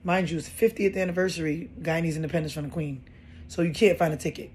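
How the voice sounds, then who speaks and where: A woman in her thirties telling a personal story in a casual, animated way, often repeating phrases for emphasis. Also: low-pitched, fast talker, a little hiss or hum.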